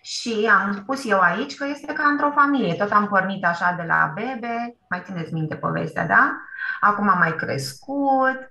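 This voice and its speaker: A bright-toned Romanian woman teaching first-graders over a video call, with a gravelly edge to her voice. She keeps checking that the children follow and praises them often. Her voice sounds echoey, as if she is in a bare room. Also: medium pitch, expressive. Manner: encouraging, asks "da?" often, praises with "bravo". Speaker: primary school teacher. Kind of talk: online class for young children. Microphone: computer mic on a video call.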